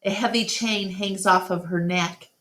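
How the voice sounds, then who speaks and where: Reading from a scripted children's novel, a female storyteller uses a medium-pitched voice. She narrates expressively and with deliberate care.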